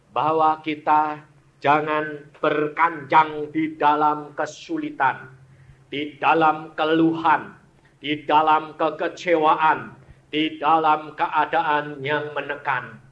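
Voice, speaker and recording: Slow, emotional male preacher. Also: fairly high pitch. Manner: emotional preaching, swinging between loud outbursts and soft, hushed lines. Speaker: pastor. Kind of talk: sermon. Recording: dull lo-fi recording.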